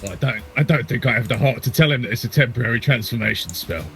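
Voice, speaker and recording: A man's voice: medium pitch, quick pace, background noise. A man playing a tabletop game, joking and hesitating as he talks in character. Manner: jokey, hesitant, playful in character. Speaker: player. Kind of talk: tabletop game role-play.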